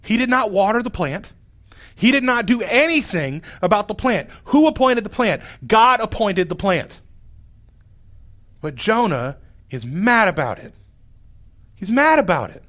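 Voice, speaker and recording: A man's voice: high voice, big pitch swings, measured pace, pauses often, a bit bright. A man preaching a sermon, telling a scripture story in a wry, exasperated way. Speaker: pastor.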